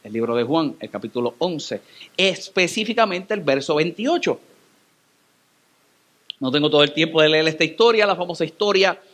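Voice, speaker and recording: A Puerto Rican pastor preaching in church, his voice sitting high for a man. He tells the story dramatically, leaping up and down in pitch as he acts out every turn. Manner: dramatic, animated storytelling with sudden pitch swings. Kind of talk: sermon.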